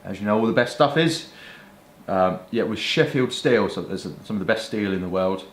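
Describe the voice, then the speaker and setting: A man's voice: fairly low pitch, animated, a little fast. A British man chatting casually to camera in a rambling, colloquial way, like a hobby vlogger. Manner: rambling, colloquial, mild swearing. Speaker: pipe-smoking vlogger showing pipes and tobacco. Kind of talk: casual product chat to camera. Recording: roomy echo with faint background noise.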